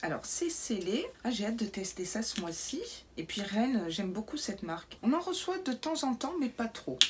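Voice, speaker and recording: A woman vlogging an unboxing to camera, chatty and casual, sometimes dropping into soft asides, in a brightly lit indoor room. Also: a little high, very animated, normal speed, slight background noise. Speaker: beauty box unboxing vlogger.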